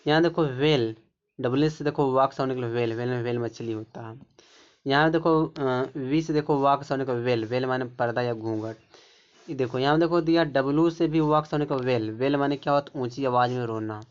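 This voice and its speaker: A man's voice: medium pitch, fairly quick, clear, resonant tone. A man teaching English pronunciation rules, explaining word by word and pointing things out again and again. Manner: repetitive, keeps pointing things out. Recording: dull lo-fi recording.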